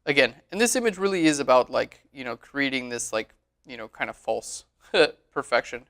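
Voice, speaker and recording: This is a man walking through photo editing on a screen recording, easygoing and conversational, with frequent "all right"s. He speaks at a moderate pace with a medium pitch.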